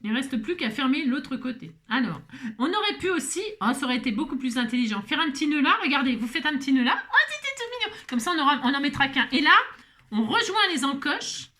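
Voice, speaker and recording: A woman's voice: high-pitched, animated, quick pace, pushed and bright. A woman chatting playfully through a card-making tutorial, joking at herself with teasing asides. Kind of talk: crafting tutorial chat.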